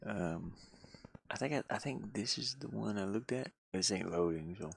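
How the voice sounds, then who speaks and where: There's slight background noise as a livestreaming gamer and hobby game developer talks from inside his van, where he lives. His lowish, gravelly voice moves at a moderate pace while he rambles unscripted, muttering to himself in a folksy, colloquial manner.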